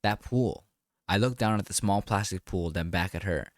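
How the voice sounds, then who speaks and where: A man narrating a first-person story in a calm, wry, deliberate way. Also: deep voice, dry recording, clean studio sound.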